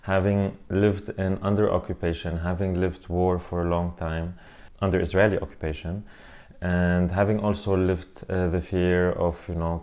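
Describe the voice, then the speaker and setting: A man in his thirties from southern Lebanon, speaking earnestly in a measured filmed interview, pausing with fillers as he gathers his thoughts. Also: low voice, darkish tone. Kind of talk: personal testimony interview.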